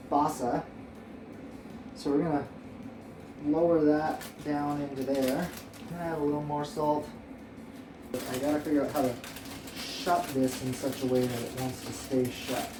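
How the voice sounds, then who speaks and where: A man's voice: on the high side, steady tone, normal speed, long pauses, noisy background. A man hosting a home cooking video who chats casually, rambles and jokes while he works. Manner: rambling, joking, playful. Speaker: home cook and host. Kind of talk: casual cooking show chat. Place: home kitchen. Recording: echoey kitchen, mic at a distance.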